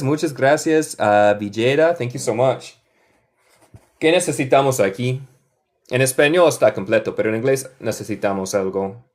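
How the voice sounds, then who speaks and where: A native English speaker from Michigan, this medium-pitched man has a Northern US accent and teaches a live online lesson in Spanish and English. He carefully repeats example sentences and thanks viewers by name.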